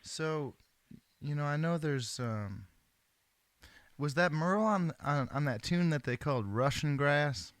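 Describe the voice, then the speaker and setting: A man with a smooth, resonant voice, recorded dry and close. He talks in a laid-back, earnest way, full of slang and the odd curse, as he hosts a relaxed chat. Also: fairly high pitch, measured pace, no room sound. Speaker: host. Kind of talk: casual phone chat.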